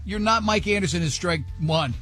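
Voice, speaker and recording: High-voiced brash male radio host. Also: normal speed, music in the background. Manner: brash, joking, talks over others. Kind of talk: morning radio banter.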